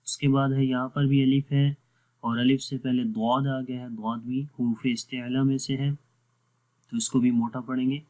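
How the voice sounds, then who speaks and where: A man's voice: mid-range voice, level tone, dark tone. A man teaching a Quran recitation lesson online, explaining step by step, asking the class questions and answering them himself. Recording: tinny phone-like audio.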